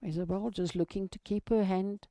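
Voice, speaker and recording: A woman giving live lawn bowls commentary in a measured golf-style manner, describing each shot in short phrases. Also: medium pitch, steady tone, dark tone, no room sound.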